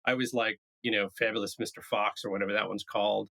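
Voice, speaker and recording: Casting: male podcast co-host, bright tone, dry close mic, easy chat. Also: lowish voice, little pitch movement, fast, creaky, dry recording, poor audio. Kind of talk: casual chat. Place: New York City.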